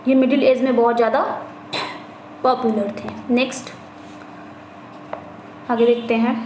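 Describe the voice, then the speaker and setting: In an exam-prep class, a woman reads English questions out slowly and explains them in Hindi, repeating phrases and correcting herself. Her high voice has a steady, darkish tone. Echo fills the room, and a faint hiss sits behind her.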